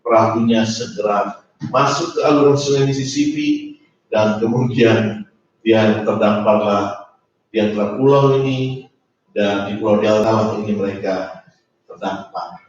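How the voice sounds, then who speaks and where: Pastor preaching in an echoey church. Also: male voice, lowish voice, animated, measured pace, long pauses, a little hiss or hum. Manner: repetitive, emphatic preaching with "Haleluya" and "saudara". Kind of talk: sermon. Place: church hall. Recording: echoey church hall, distant mic, dull.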